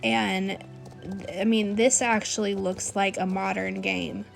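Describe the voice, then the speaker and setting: A woman with a sore, cold-stricken hoarse voice gives casual, opinionated commentary over a video game. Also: mid-range voice, level tone, takes it slowly. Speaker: gaming video creator. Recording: music behind the voice.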